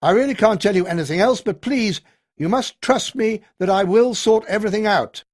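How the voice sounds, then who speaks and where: Voicing a weary, stern army colonel, a man raises his voice over a crowd with clipped authority. The pitch sits high and pushed up, and the speed is normal.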